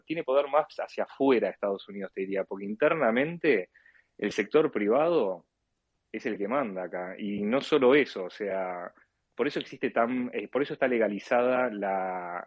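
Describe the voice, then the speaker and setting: In a live online political discussion, a caller from Argentina talks in a relaxed way with his Argentine accent, repeatedly hesitating and reformulating. His voice runs on the low side and the recording is dry. A close live-chat mic produces dull, lo-fi sound.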